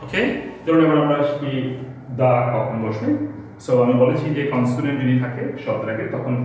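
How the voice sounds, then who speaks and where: A man with a Bangladeshi accent teaching an English grammar lesson at a board, slowly repeating and spelling out his examples. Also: mid-range voice, a little mellow, a little hiss or hum. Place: classroom with a board. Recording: very echoey room, mic far off.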